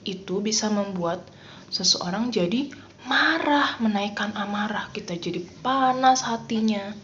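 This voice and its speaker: A woman teaching a children's Bible lesson in an animated, playful way, acting out little voices. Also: medium pitch, a little hiss or hum. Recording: dull lo-fi recording.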